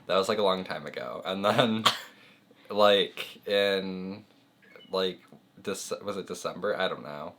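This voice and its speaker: Low-voiced young man, laid-back. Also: takes it slowly, a bit bright, slight background noise. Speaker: boyfriend guest. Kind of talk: casual chat.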